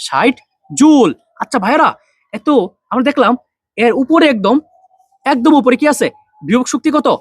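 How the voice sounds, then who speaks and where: Fast-talking young male physics tutor. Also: extremely high pitch, no echo. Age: young adult. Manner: quick, drills students with repeated questions and answers. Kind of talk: online physics lesson.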